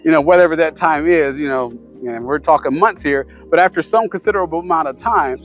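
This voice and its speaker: A man's voice: fairly high pitch, brisk, soft background music. A man casually giving tips to camera, rambling with many fillers and restarts. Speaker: vlogger sharing language-learning tips.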